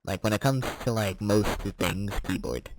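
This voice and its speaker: A teenage boy chatting casually while playing a game, rambling and correcting himself as he answers quick questions. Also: lowish voice, slight background noise. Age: teens. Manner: rambling, self-correcting, chuckling. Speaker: gaming vlogger.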